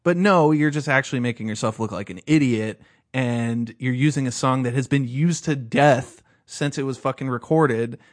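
Casting: male podcast co-host, casual, heated and profane, mid-pitched. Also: moderate pace, hardly any pauses. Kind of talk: casual chat.

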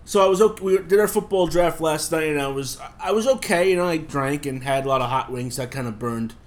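Sick and coughing, a man co-hosts a podcast, rambling through a casual chat and swearing frequently. He speaks briskly in a slightly high voice.

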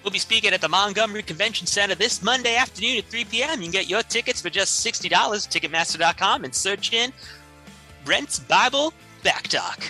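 A man improvises spoof radio commercials in a very bright, forceful, high-leaning voice, sounding like an announcer pitching a product. He's expressive and fairly quick, and music plays clearly behind him.

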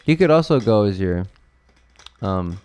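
A young man hosting a casual podcast chat, relaxed and a little rambling, quick to laugh. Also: lowish voice, smooth, no room sound. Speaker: podcast host.

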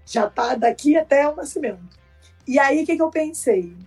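A woman's voice: high voice, animated, normal speed, vocal fry, darkish tone, recorded from a distance, faint music behind. A young woman co-hosting a podcast, telling a personal story chattily and talking straight to the listeners. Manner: chatty, addresses listeners directly. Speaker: podcast host. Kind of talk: casual storytelling chat.

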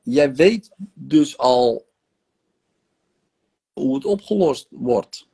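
Gravelly husky man coaching casually. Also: medium pitch, drawn-out words. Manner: animated, acts out inner voices with fillers. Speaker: host and session guide. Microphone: online live session.

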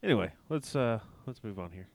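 A man's voice: lowish voice, expressive, fairly quick, gravelly. A man hosting a casual podcast, rambling and swearing freely while poking fun at himself. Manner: profane, rambling, self-mocking. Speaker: podcast host.

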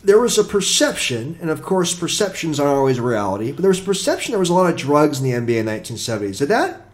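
Man, sports radio host, higher-pitched voice, highly varied intonation, conversational interviewer. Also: sing-song, fast talker.

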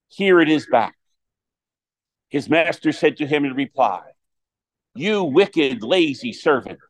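Measured male priest preaching, slightly high voice. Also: low-quality recording. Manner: measured, deliberate, with dramatic pauses. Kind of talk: scripture reading and sermon.

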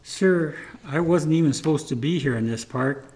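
A man voicing a kind, earnest American teenage girl who speaks softly and pleadingly. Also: fairly high pitch, moderate pace, natural voice. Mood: gentle. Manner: soft, pleading.

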